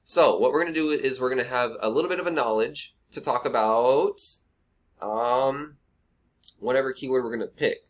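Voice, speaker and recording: A man's voice: medium pitch, moderate pace. Casual tutor type, a man with a mid-range voice, talks bluntly to camera through a cheap webcam mic. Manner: blunt, rambling, talks to viewer directly. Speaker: online marketing instructor. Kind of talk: casual screen-recorded tutorial.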